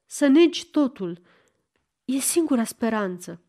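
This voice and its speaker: A woman's voice: on the high side, big pitch swings, warm tone. A woman reading an audiobook and voicing a frightened, impulsive young woman who speaks urgently. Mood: frantic.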